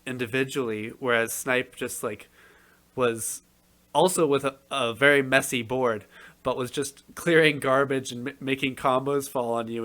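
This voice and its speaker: A man hosting a podcast, asking a guest measured, friendly questions with the occasional filler. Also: medium pitch, fairly bright tone. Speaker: podcast host. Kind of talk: interviewing a guest.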